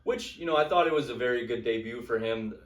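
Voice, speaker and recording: A man chatting casually about wrestling, relaxed and rambling, with lots of "you know" and "um.". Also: mid-range voice, fast. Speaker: co-host. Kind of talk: casual chat. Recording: roomy sound, distant from the mic.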